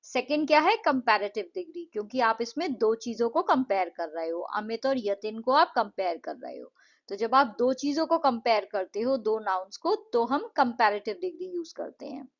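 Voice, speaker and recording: A woman teacher with an Indian accent explains an English lesson, her voice sitting a little high. She reads the English sentences slowly and deliberately before explaining them faster. The recording sounds dull and lo-fi. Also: animated. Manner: slow, deliberate English reading, quicker explanations.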